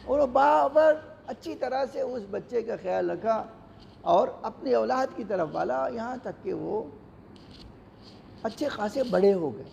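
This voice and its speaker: Male preacher, high gravelly voice, warm and dark-toned, emotive storytelling sermon, long hall reverb. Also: lively intonation. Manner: emotive, acts out the characters' pleas. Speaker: cleric giving a Ramadan lecture. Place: large mosque hall. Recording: echoey hall, dull lo-fi sound, faint noise.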